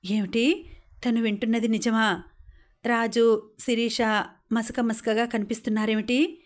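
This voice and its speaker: A gentle, bewildered mother who pleads for answers from her family, as a woman narrator reads her. The voice stays flat and low in range. She sounds confused and soft. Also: measured pace, lightly acted.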